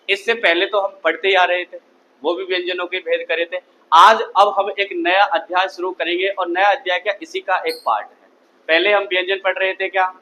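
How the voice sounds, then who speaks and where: Heard over poor audio, this male lecturer speaks in a high-pitched, sharp tone. He runs a Hindi grammar class, continually drilling his students with call-and-response questions.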